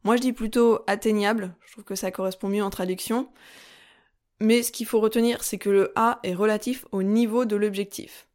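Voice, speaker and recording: A woman hosting a solo podcast, explaining things calmly and step by step with frequent fillers. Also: mid-range voice, normal speed. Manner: calm, methodical, step-by-step teaching with frequent fillers. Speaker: podcast host.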